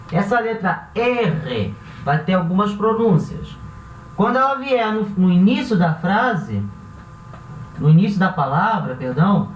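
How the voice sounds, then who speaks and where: A male teacher works through a lesson slowly and patiently, repeating each word and checking in with the class. He sounds some way off from the microphone in a roomy space. The sound is dull, with a faint hiss beneath it. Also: high voice, far from the mic. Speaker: Spanish teacher.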